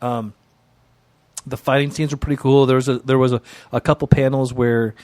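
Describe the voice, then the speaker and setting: A man's voice: medium pitch, little pitch movement, normal speed, a little mellow, no room sound. A man co-hosting a comics podcast, recapping issues and giving opinions with hesitant, repeated words. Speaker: podcast co-host. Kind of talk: casual comic book recap.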